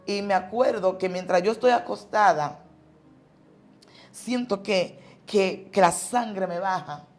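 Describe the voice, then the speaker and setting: A woman's voice: medium pitch, slow pace, a little mellow, soft background music. A woman pastor from the tells a personal religious testimony, an emotional storyteller who repeats and restarts words.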